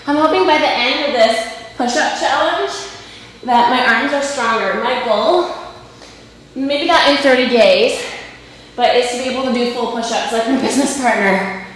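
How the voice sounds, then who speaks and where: A fitness instructor coaches and encourages in a high voice at a moderate pace, sounding a little out of breath as she speaks with effort through push-ups, lunges and other exercises. The room is very echoey, with faint noise in the background.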